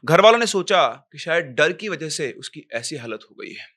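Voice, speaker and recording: A young man narrating a horror story in a casual, dramatic way, getting louder in tense moments and dropping to a hush, with chatty asides to the listener. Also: on the high side, expressive, moderate pace.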